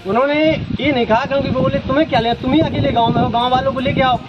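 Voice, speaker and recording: A man's voice: very high-pitched, fairly even intonation, rapid-fire. A man from rural Madhya Pradesh, a village resident earnestly and indignantly airing complaints in an on-the-spot outdoor interview. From Datia district, Madhya Pradesh, India. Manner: earnest, indignant, talks in short bursts. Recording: dull lo-fi sound with music behind.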